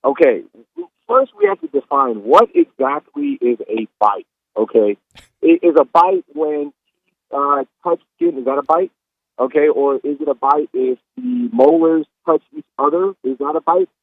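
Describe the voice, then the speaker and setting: A man's voice: fairly high pitch, unhurried, creaky, no echo, exaggerated voice. A man calling in and playing a brash, defensive male monkey, heard over a distorted, fuzzy phone line with the phone held too close. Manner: defensive, rambling, excitable. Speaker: caller.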